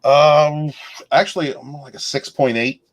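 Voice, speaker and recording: A man's voice: fairly high pitch, steady tone, unhurried, dry recording. A man on a podcast panel, talking in an easygoing, rambling casual chat.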